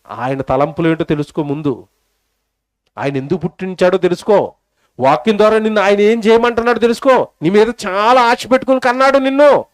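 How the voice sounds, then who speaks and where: High-voiced man preaching dramatically. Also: clear, resonant tone, dry recording, clean studio sound. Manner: dramatic, swinging from loud high rhetorical questions to low hushed lines. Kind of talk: sermon at a public meeting.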